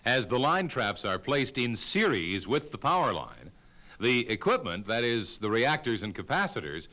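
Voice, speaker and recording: Male narrator, instructional script, medium pitch, animated intonation, measured explanatory delivery. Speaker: technical instructor.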